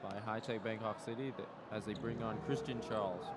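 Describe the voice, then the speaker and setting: A man giving color commentary on a live basketball game in calm, short remarks. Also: fairly low pitch, brisk. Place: basketball arena broadcast booth. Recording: loud arena crowd noise behind.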